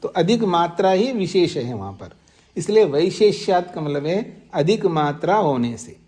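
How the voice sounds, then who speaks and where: A man teaching a class on scripture, reciting Sanskrit phrases slowly and explaining them, often asking his listeners questions. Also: a little high, very animated, darkish tone. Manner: slow deliberate explaining, recites and repeats Sanskrit terms. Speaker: teacher of Vedanta sutras. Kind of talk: scriptural lecture. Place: ashram class.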